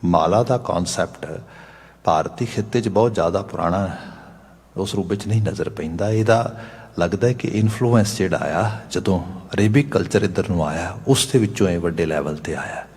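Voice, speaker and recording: A man giving a Sikh religious discourse, slowly chanting scripture lines and retelling a parable with its dialogue. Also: sits low, a little mellow, slightly rough. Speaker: Sikh preacher giving katha. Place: gurdwara hall. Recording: long hall reverb.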